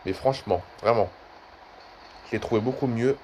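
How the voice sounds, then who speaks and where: A man's voice: mid-range voice, normal speed, a little mellow, slight background noise. A man in his twenties chatting casually in a vlog, rambling and repeating himself often. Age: 20s. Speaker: YouTuber.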